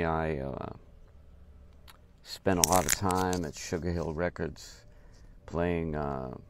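An older man telling a casual story about his drumming days, halting and unhurried, with many pauses and restarts. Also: very deep voice. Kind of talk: casual spoken anecdote. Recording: noisy recording with clear background hiss.

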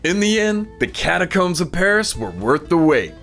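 A man reads a scripted travel narration with a fairly high, lively voice that rises and falls a lot. His delivery is informative, like a tour guide. Faint music plays underneath. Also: normal speed. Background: soft music bed.

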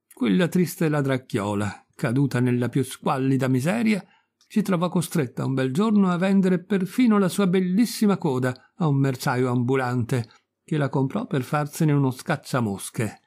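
A man narrating a children's classic as an audiobook reader, in a steady, measured reading. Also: medium pitch. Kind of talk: storybook narration.

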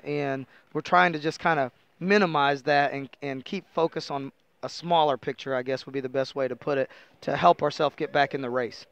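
Recorded dry and with dull audio, a middle-aged American man speaks in a somewhat high voice with a fairly bright tone. The basketball coach is at an indoor arena interview table after the game, explaining things conversationally into a headset mic with frequent "you know"s.

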